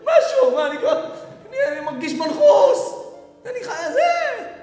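A rabbi voicing a desperate, unlucky young man who talks high and fast with laughter in his voice, recorded in a very echoey hall. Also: big pitch swings, a little mellow. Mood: pleading. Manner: high, breathless, laughing, rushing. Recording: very echoey hall with faint music.

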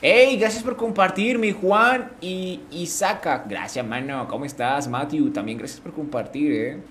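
A man's voice: on the high side, unhurried, fairly bright tone, slight background noise. A man streaming a game live, chatting casually. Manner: chatty, greets chat, slangy.

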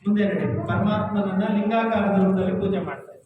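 A man's voice: high-pitched, little pitch movement, brisk, narrow, tinny audio. A man working as a museum guide, explaining pictures on the walls to a group, asking them questions and telling them where to stand. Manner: asks the group questions and has them repeat answers. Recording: echoey hall, far from the mic, with a crowd.

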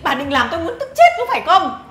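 A woman's voice: very high voice, wildly swooping pitch, quick pace, fairly bright tone, reverberant, exaggerated voice. An actress playing a scornful, bossy mother-in-law who scolds and mocks with sneering laughs. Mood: scornful scolding. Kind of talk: family drama acting.

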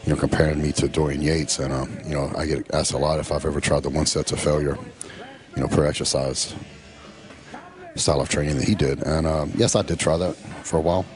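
Relaxed and unhurried, a middle-aged bodybuilder from Texas does casual voice-over narration in a deep, rumbling bass. His speech drags out lazily, packed with fillers such as "uh" and "you know."

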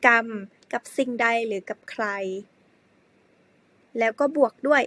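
Slow, higher-voiced woman teaching English. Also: fairly even intonation, fairly bright tone. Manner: slow and deliberate, spells words letter by letter. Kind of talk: slow spelled-out classroom lesson.

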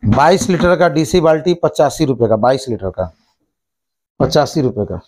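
A shop owner in his thirties runs through plastic goods and their prices, briskly repeating each price. His mid-range voice is animated with a darkish tone, captured on a lapel mic indoors in a small shop office.

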